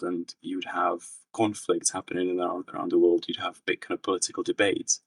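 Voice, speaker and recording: A man's voice: low voice, husky, no room sound, far from the mic, low-quality recording. A young man from the Czech Republic, a researcher answering interview questions in a thoughtful way, with many restarts and fillers. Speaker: researcher guest.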